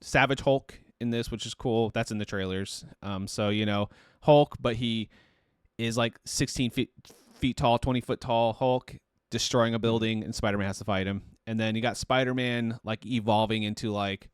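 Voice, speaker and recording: A man with a low, smooth, resonant voice talks loosely and casually as a podcast co-host. He rambles with frequent fillers and false starts. The sound is dry and close. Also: moderate pace, no room sound. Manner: rambling, relaxed, with many fillers and restarts. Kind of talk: casual chat.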